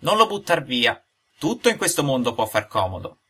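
A man voicing a patient, kindly old father who lectures gently in a storybook reading. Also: medium pitch, sing-song, moderate pace, breathy edge, voice pushed up, heavily acted.

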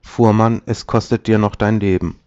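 A man's voice: fairly low pitch, steady tone, normal speed, warm tone, clear, resonant tone, no room sound, lightly acted. Sperling: a vengeful little sparrow, read by a man. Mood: grim. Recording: dull, dry lo-fi recording.

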